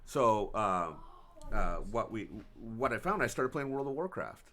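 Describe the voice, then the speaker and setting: In a casual parenting chat, a man co-hosting a podcast talks at an unhurried pace in a mid-range, sing-song voice with a sharp edge. He tends to ramble, frequently starts sentences over, and laughs a lot.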